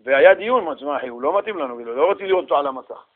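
A man from Israel giving a Torah sermon, lively, acting out quoted dialogue with street slang and rhetorical questions. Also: a little high. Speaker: preacher. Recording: dull lo-fi radio-style recording.

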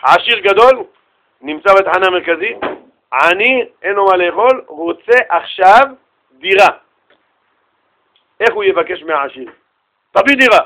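Animated high-voiced male storyteller. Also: long pauses, poor audio. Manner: animated, slangy, acts out characters. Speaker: religious storyteller. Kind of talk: lively religious storytelling talk.

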